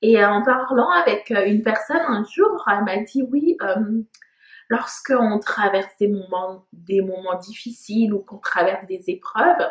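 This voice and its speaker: A woman in her thirties, originally from Congo, speaks a little slowly at medium pitch in a casual personal vlog. She sounds reflective and hesitant, using many fillers, and the room is echoey.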